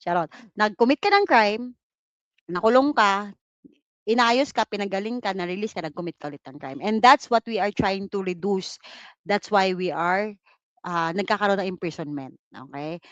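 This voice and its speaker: A woman from the Philippines giving a live online review lecture, mixing English terms into her talk and tossing in teasing jokes and quick "just kidding" asides. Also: mid-range voice, fairly bright tone, no room sound. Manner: playful, cracks teasing jokes and "charot" asides; mixes English terms into Tagalog. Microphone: computer mic on a livestream.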